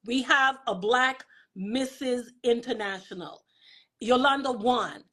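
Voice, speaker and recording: A woman's voice: on the high side, slow pace, a bit bright. A woman from the Bahamas hosting a live interview over a video call, speaking in an affirming, encouraging way. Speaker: host.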